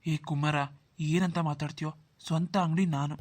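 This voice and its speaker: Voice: medium pitch, steady tone, normal speed, darkish tone, lightly acted. A voice actor playing a poor, anxious young village man worried about his sister. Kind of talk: Kannada cartoon dialogue.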